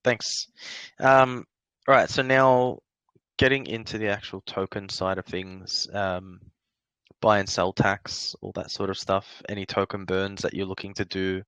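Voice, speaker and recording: A man hosting an AMA interview, casual and agreeable, asking questions with quick affirmations. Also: low voice, fairly even intonation, a bit bright, clean tone, no echo. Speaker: interview host.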